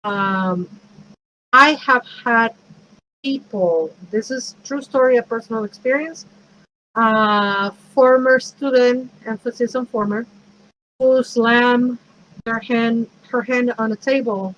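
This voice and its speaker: A woman's voice: a little high, takes it slowly, fairly bright tone, dull audio, a little hiss or hum. A woman priestess and minister giving a frank, conversational workshop talk, advising listeners with self-deprecating asides.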